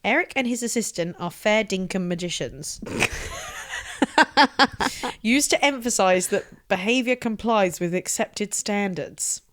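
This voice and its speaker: A woman co-host chatting casually, quick with wry asides and frequent laughter. Her voice is lively, sweeping up and down in pitch. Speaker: podcast co-host. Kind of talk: casual chat.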